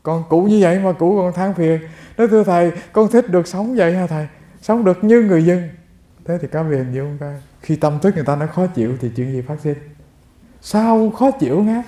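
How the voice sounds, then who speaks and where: A man's voice: on the high side, a little fast, warm tone, roomy sound. A Buddhist monk giving a sermon, telling stories and speaking straight to his listeners. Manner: addresses listeners directly, storytelling. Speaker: monk giving a Dharma talk.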